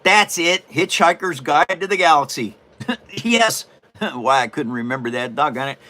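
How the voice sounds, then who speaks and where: A man's voice: on the high side, lively intonation, moderate pace, sharp tone. A man from Washington State hosting a casual livestream while he builds a paper model, folksy and rambling with frequent chuckles. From Washington State, USA.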